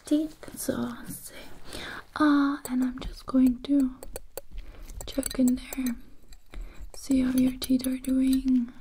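A young woman in a whispered role-play, playing a brisk, reassuring medic with soft, breathy, repetitive murmured patter. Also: sits high, heavily acted. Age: young adult. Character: brisk, reassuring female medic doing procedures on a patient. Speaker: ASMR performer. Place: small indoor room. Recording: noisy close recording with clicking.

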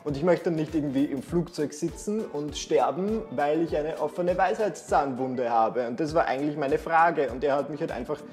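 A man's voice: fairly high pitch, moderate pace, few pauses, darkish tone. Guy in his 20s ranting sarcastically to camera, lapel mic, faint music behind. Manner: sarcastic, exasperated, theatrical. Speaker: YouTuber. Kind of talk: casual vlog talk to camera. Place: small bright room indoors.

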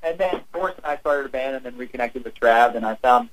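A man's voice: mid-range voice, fast talker, a little hiss or hum. Young guy from california calling into a radio show, laid back and jokey, mid voice. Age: 20s. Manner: relaxed, joking, polite. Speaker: band member, guest. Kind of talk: casual interview by phone. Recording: phone call line.

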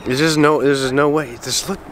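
A man's voice: on the high side, steady tone, fairly quick, a bit bright. A young adult man in casual, teasing banter on a sports challenge vlog. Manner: teasing, mock-sceptical banter. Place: outdoor basketball court. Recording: wind and outdoor background noise.

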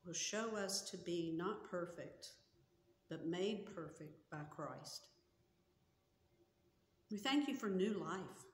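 A woman pastor in her sixties gives a sermon and prayer, speaking slowly, earnestly and with measured care while gesturing. Her fairly low, darkish voice rings through a small church sanctuary with long, hall-like reverb. A camera set just in front of her at chest height captures the sound.

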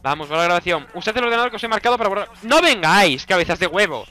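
A young Spanish man with a high, bright voice that leaps all over the place, commentating his own gameplay. He swears nonstop, gets excitable fast and barks orders at his teammates, all over a faint bed of music. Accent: Spanish from Spain. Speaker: gaming YouTuber. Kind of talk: let's play commentary.

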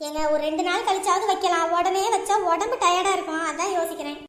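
A woman's voice: extremely high pitch, a bit bright. A woman acting out a comic family skit, chatty and teasing, voicing several relatives. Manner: quick, chatty, teasing banter. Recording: echoey room with faint music.

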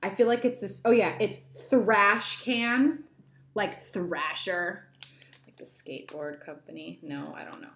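A woman's voice: mid-range voice, steady tone, a little slow, creaky, a bit bright. A young woman chatting through a toy unboxing, giddy and rambling with lots of little asides. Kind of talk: casual unboxing chat. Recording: echoey room.

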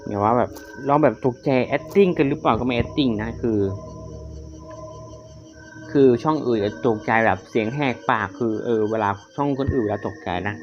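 Playing a horror game, a male streamer reacts jumpily with frequent exclamations and plenty of swearing in casual commentary. He has a mid-range voice and moderate pace, recorded in somewhat dull lo-fi audio dominated by loud horror game music and effects.

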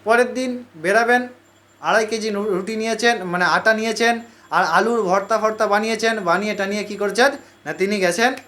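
A man's voice: high-pitched, a little fast, fairly bright tone. A man telling a devotional story in a conversational sermon style, repeating phrases for emphasis and voicing the characters himself. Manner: conversational, repetitive, acts out the characters. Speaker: religious storyteller.

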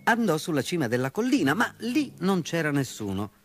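A man narrating a children's story as a storyteller, in an expressive, unhurried way. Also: fairly high pitch, faint music behind.

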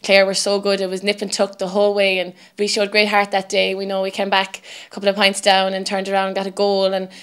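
Smooth, even-toned woman, west of Ireland accent. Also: medium pitch, a little fast, few pauses. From Galway, west of Ireland. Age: 20s. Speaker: camogie player being interviewed. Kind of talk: reflective sports interview answers. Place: indoor interview set with sponsor backdrop.

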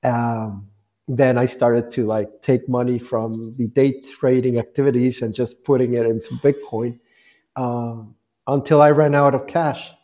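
A man in his forties from Guatemala, a company founder speaking as a guest on a video call with an earphone mic, telling his story in a relaxed way with plenty of fillers. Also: medium pitch, a little slow. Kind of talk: conversational interview answers. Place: bright office room, indoors.

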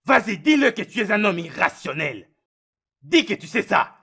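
An actor dubbing a furious, betrayed husband in French, accusing his rival with a raspy voice. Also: sits high, sing-song, normal speed, exaggerated voice. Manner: accusing, shouting. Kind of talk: French film dub.

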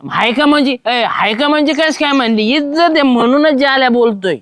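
A man playing a tipsy, quarrelsome village man who dodges a debt, with a loud, bickering manner. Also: very high-pitched, brisk, clean tone, no echo, studio quality. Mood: arguing. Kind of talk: village comedy web series.

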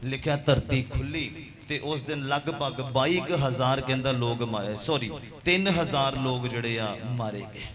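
A man, a pastor preaching a sermon who retells scripture as a story, quoting its figures, and rises into loud calls to his congregation. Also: mid-range voice, normal speed, crowd noise.

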